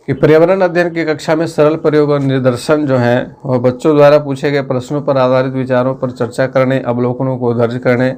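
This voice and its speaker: A man's voice: medium pitch, darkish tone. A man teaching an exam-prep lesson, reading out each question and its options and then explaining the right answer in a plain, methodical way. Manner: methodical, plain-spoken, addressing students directly.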